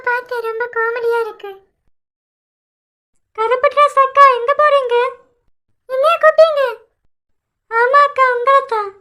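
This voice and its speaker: A woman's voice: very high-pitched, sharp tone, exaggerated voice. A woman voicing bickering, easily frightened young village women in a cartoon, with a Kanyakumari Tamil accent. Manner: squabbling, shrieking.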